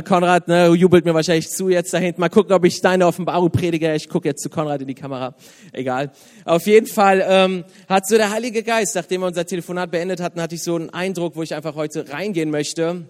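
A man's voice: high voice, big-room sound. A man in his thirties, a youth pastor, giving a casual, joking sermon in church. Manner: chatty, joking, lively, laughs often. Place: church hall.

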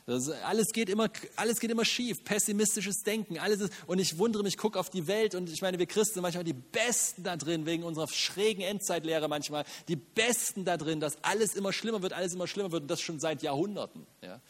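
A man preaching a sermon in German, animated, with rhetorical questions, self-mocking asides and frequent "Amen". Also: high voice, fast, hardly any pauses, long reverb tail. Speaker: pastor.

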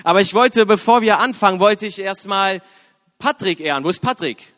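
A man's voice: high-pitched, normal speed, in a large hall. A man in his thirties, a youth pastor, giving a casual, joking sermon in church. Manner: chatty, joking, lively, laughs often. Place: church hall.

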